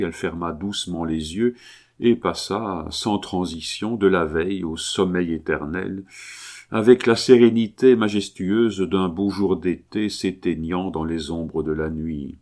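A man narrating a classic novel in measured, scripted audiobook style. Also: sits low, a little mellow.

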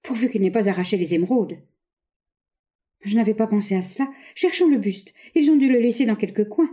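A woman's voice: mid-range voice, brisk, mellow, pitched above the performer's own voice, lightly acted. A woman reading aloud, voicing an exasperated husband, a naturalist, in a plain, impatient way.

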